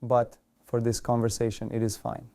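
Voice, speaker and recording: Guy behind a voice changer, dark smooth tone, polite and kinda stiff, over a call. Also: mid-range voice, monotone, no room sound, studio quality. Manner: polite, formal, a little halting. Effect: voice changer disguising his identity. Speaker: open-source developer, podcast guest. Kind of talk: interview answers.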